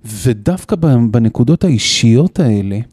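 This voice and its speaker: A man's voice: mid-range voice, animated, a little mellow, husky, no room sound, studio quality. A man hosting a podcast interview, asking long rambling questions full of fillers. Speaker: podcast host.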